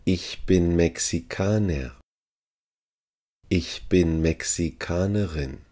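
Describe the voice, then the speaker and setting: Speaking in a low, dark-toned voice, this language teacher goes through short phrases carefully and says every one twice for his learners.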